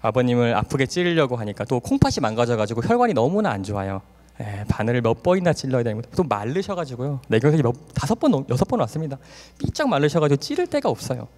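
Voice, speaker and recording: A man's voice: medium pitch, very animated, fast, a little mellow. A middle-aged man, a doctor, giving a testimony talk at a church camp, acting out family dialogue with laughter. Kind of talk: sermon testimony. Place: large hall at a church camp. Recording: long hall reverb.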